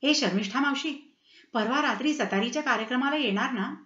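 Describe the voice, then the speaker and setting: A cheeky, bubbly young woman teasing her elders, as a woman storyteller puts her on. The voice is high and light. The recording is roomy and a little dull. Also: a little fast, fairly bright tone.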